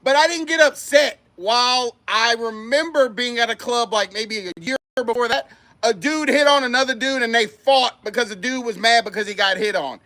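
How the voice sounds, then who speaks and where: High, bright-voiced joking man host. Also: moderate pace. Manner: loose, joking, swears freely. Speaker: livestream host and comedian. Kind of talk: casual chat.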